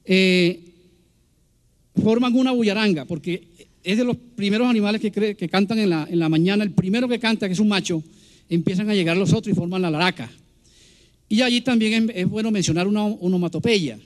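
A man, a biologist giving a public science lecture over slides, explaining in a halting way with fillers and restarts. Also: high voice. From Colombia. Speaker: biologist guest speaker. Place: large public event hall.

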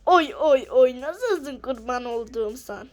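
Old grandmother, doting, cooing, high voice, voiced by a woman, toy-play story. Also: expressive, takes it slowly. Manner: crooning "oy oy", smothering with affection.

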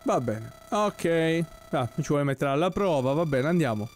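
A man giving casual let's-play commentary, relaxed and puzzled, with joking asides about what happens on screen. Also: fairly high pitch, moderate pace, a little hiss or hum. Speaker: gameplay commentator. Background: soft game music.

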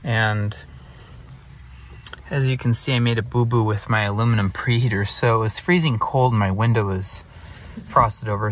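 A man's voice: on the low side, fairly bright tone, slight background noise. A man chatting playfully in a casual video, recorded inside a parked car. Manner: playful, joking. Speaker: vlogger. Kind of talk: casual chat.

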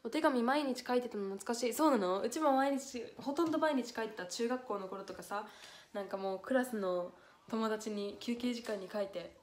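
Her voice sits on the high side as this young adult woman, an idol who hosts livestreams, chats casually on a solo stream at a normal pace. She reads letters aloud and comes close to tears. The room is echoey, with faint background noise.

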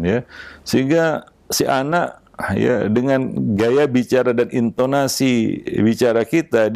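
Man, Indonesian accent, preacher, gravelly low voice, measured lecture, dry close sound. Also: a little mellow, no echo. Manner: unhurried, measured, frequent filler "ya" between phrases. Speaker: Islamic preacher. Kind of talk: religious lecture on parenting.

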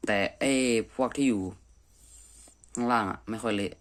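The man's fairly low voice has a fairly bright tone, fairly even intonation and a moderate pace. He's chatting casually as an amateur reviewer, unscripted and thinking aloud in a cluttered room at home, on a noticeably noisy recording.

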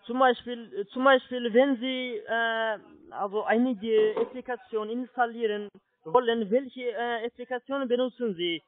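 Over a muffled, dry phone line, a high-pitched male call-centre agent whose first language isn't German gives step-by-step sales instructions. He speaks politely but haltingly, checking again and again that the caller is following.

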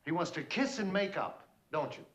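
An actor playing a wry, sarcastic middle-aged man in a 1970s sitcom, with a sardonic, quick delivery. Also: high-pitched, expressive, fairly bright tone. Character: wry middle-aged boss, sarcastic toward his wife. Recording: hissy old TV soundtrack.

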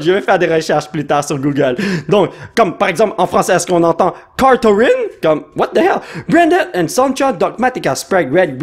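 A man with a high voice opens trading cards while giving excited, casual commentary, reading the card names aloud and throwing in English exclamations.

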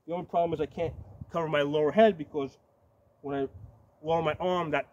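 On a gravel yard next to the woods, a medieval combat fighter in his forties walks the camera through shields in a relaxed, hands-on way, going step by step and checking in with "right?" and "okay?". His voice is slightly high and darkish, steady, and a little quick. The camera sits a few metres off, so the recording is noisy and muffled.

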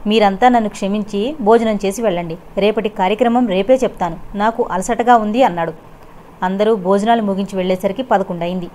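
A woman's voice: a little fast, dark tone, slight background noise. Woman reading a novel aloud. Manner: reads characters' lines with rising pitch and force. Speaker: audiobook narrator. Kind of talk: scripted novel narration with voiced dialogue.

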